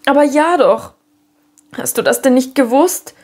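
A woman voicing a gentle, practical young girl who speaks softly and earnestly in an audiobook. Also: sits high, a little slow, pitched above the performer's own voice. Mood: tearful, earnest.

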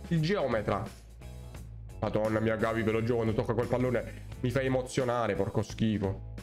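A young man, giving excitable, swearing live commentary on his own gameplay and shouting at the game. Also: on the low side, normal speed, soft background music. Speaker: gaming content creator.

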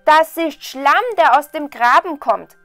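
A woman voicing two haughty young brothers who mock loudly. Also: fairly high pitch, normal speed, no room sound, soft background music, natural voice. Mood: scornful. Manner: mocking, loud.

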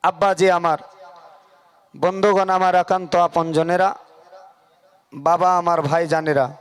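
Man preaching and chanting devotional verses, high voice, smooth and resonant, slow drawn-out delivery, PA microphone. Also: steady tone. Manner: calls on the crowd to respond aloud. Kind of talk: Bengali waz sermon with sung verses. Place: religious gathering over a loudspeaker system.

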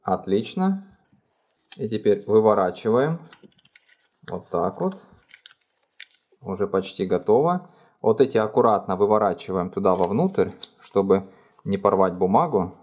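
A middle-aged man calmly explaining each fold in a step-by-step origami tutorial, recorded indoors at a table. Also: fairly low pitch, a little slow, long pauses, lo-fi sound. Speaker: origami instructor. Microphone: overhead camera framing hands only.

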